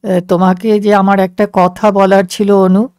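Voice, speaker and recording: A woman voicing a gentle man from a long-lost love, speaking softly and intimately. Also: mid-range voice, level tone, a little slow, no echo, clean studio sound, pitched below the performer's own voice, natural voice. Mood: tender.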